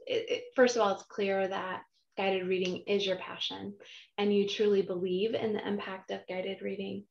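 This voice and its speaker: A woman's voice: medium pitch, little pitch movement, normal speed, gravelly, echoey room, muffled recording. A woman hosting a conversational podcast interview, chatty and enthusiastic, with frequent fillers and restarts. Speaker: podcast host.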